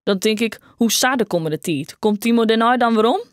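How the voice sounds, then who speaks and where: A woman's voice: on the high side, a little fast, no echo, studio quality, natural voice. A woman with a Frisian accent voicing a grieving teenage girl who talks bluntly and sarcastically, in an audiobook. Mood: sarcastic. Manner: blunt, sarcastic teen talk.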